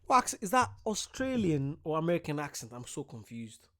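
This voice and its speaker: A woman's voice: low voice, very animated, fairly quick, fairly bright tone. A woman hosting a reaction video who thinks aloud in a puzzled, casual way.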